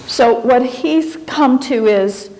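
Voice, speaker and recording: A woman with a somewhat high voice lectures from a stage in an auditorium. She speaks reflectively and conversationally, pausing and rephrasing as she searches for the right words. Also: dark tone, poor audio. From Japan. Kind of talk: conference lecture.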